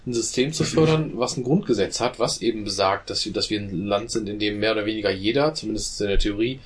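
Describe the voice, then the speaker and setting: This man talks fast in a slightly low, husky voice. He makes his case in long, winding sentences, the way people do in a casual group discussion. He keeps stacking one clause onto the next. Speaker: discussion participant.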